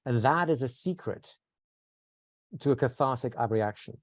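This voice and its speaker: A man leads a workshop in a relaxed, conversational way, often checking in with his students with questions. He has a mid-range voice and sometimes drops into a slow, calm, soothing tone to show how it is done. The sound is dry and close, with no room echo. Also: medium pitch. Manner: conversational, asks the class questions, models calm soothing speech. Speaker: instructor. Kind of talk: teaching a live workshop.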